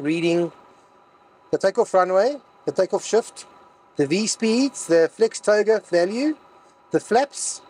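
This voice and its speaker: A man's voice: high-pitched, darkish tone, low-quality recording. A man walking through a cockpit setup as a pilot instructor, reading out each setting step by step in a cockpit. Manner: methodical, reads out settings step by step. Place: aircraft cockpit.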